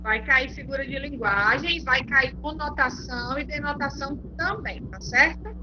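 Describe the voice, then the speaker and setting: A Brazilian woman teaching over a video call, her voice high and bright. She is patient and stops often to check that the class keeps up. The audio is muffled and lo-fi. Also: moderate pace, a little hiss or hum. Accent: Brazilian Portuguese. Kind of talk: online class lesson.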